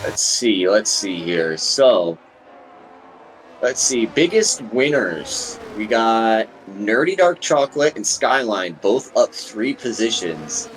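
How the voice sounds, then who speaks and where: A man giving live sim racing commentary, excitable and joking, rising to shouts at incidents. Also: on the low side, takes it slowly, slight background noise, poor audio. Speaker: race commentator.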